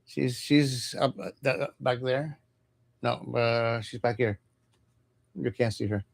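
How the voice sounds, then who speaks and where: During a relaxed livestream, a tarot reader from Cuba lays out cards in a medium-pitched voice with vocal fry. He speaks haltingly and keeps repeating himself.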